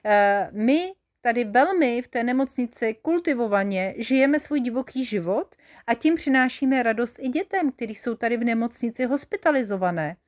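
A woman voicing a gentle, polite male mouflon commander with big horns in a storybook, speaking sweetly and courteously. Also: a little high, animated, natural voice.

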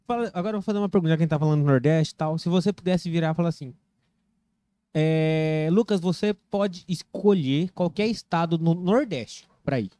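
A man's voice: a little high, brisk, warm tone, no echo. A man with a Brazilian accent hosting a podcast in casual banter, informal and slangy, often repeating his phrases. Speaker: podcast host.

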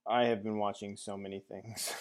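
A laid-back man talks through the shows he has been watching in an easygoing chat. He laughs easily and keeps a relaxed tone. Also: lowish voice, moderate pace. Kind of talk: casual chat.

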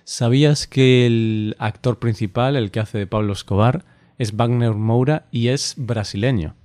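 A man from Spain co-hosting a podcast in casual, unscripted conversation, relaxed and chatty with frequent laughs and hesitant fillers. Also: mid-range voice, measured pace, no echo. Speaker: podcast co-host.

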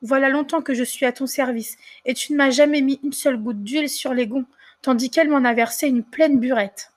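A woman's voice: high voice, a little fast. A woman voicing an aggrieved old farmyard gate in a storybook reading, complaining plainly.

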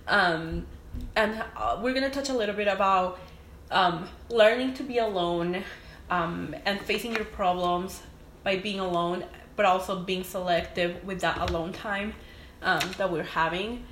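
A woman's voice: medium pitch, a little slow. A young adult woman from Mexico, a podcast guest talking casually and thoughtfully with many ums. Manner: relaxed, frequent ums, thoughtful. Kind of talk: casual interview chat. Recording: echoey room, faint noise.

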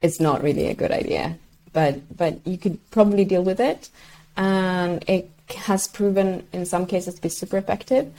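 A woman with a lowish, darkish voice, whose first language is Swedish, appears as an interview guest explaining medical research. She sounds hesitant and searches for words.

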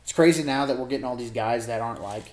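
A man co-hosting a casual sports talk show, animated, laughing easily and trailing off mid-sentence. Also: mid-range voice, fast. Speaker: podcast co-host. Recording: roomy with faint background noise.

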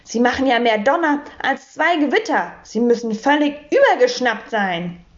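A woman doing a shrill, scolding landlady. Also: animated, moderate pace, lo-fi sound, natural voice. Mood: outraged. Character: indignant fussy middle-aged landlady.

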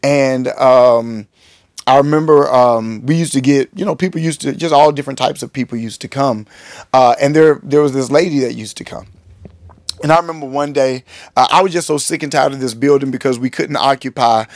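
A man, a pastor and podcast host, telling a story from his church in an animated, joking way. He often restarts his words and jumps up high when he acts surprised. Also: normal speed, no room sound, clean studio sound. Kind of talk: casual storytelling monologue.

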